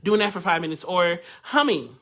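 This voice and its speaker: A man's voice: sits high, animated, normal speed, a bit bright. A man teaching a live online vocal workshop, chatty and interactive, laughing often and greeting viewers by name.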